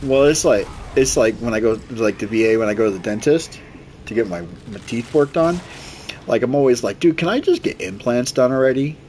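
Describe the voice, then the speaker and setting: A man's voice: medium pitch, fairly quick. Man in his forties chatting over noise. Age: 40s. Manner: rambling, animated retelling with quoted dialogue and swearing. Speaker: game streamer. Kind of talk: casual chat while playing a video game.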